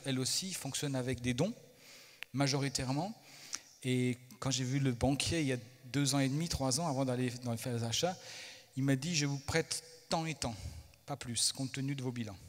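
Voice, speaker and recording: A man preaching a sermon as pastor, telling stories in an animated way with many restarts. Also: mid-range voice. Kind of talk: sermon teaching. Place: church hall. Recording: long church hall reverb.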